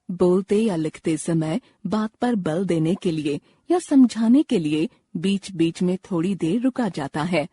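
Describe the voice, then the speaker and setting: Measured woman reading a textbook lesson. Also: on the low side, mellow, husky, no echo. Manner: slow, measured, explanatory reading. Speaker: textbook narrator.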